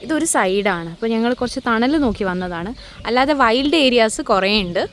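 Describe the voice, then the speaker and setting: Woman vlogging from a park bench, relaxed and chatty, clear outdoor noise with birds and roosters behind. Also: fairly high pitch, brisk. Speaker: travel vlogger. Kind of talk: casual on-location vlog talk.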